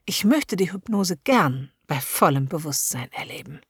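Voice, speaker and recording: A woman voicing a curious, nervous young woman client, speaking softly and breathily. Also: deep voice, expressive, unhurried, creaky, husky, no room sound, studio quality, exaggerated voice. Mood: curious eager.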